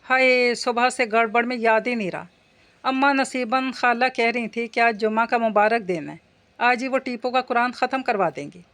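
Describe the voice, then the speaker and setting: Woman reading sensible young wife and mother, reasonable, soothing, slightly high voice. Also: normal speed, a bit bright, lightly acted.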